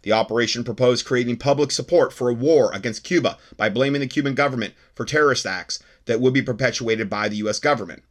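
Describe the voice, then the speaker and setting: A man's voice: medium pitch, fast talker, hardly any pauses. Paranoid, conspiratorial American man ranting. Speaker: host of an alert talk show. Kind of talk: reading news reports with off-the-cuff ranting commentary.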